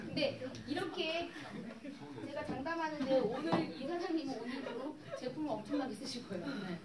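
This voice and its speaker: Over a loud crowd, a cosmetics business presenter with a high-pitched voice speaks at normal speed while demonstrating skincare in a hall. She is chatty, acting out customer exchanges during her storytelling at this live seminar, and the recording comes from far off in an echoey space.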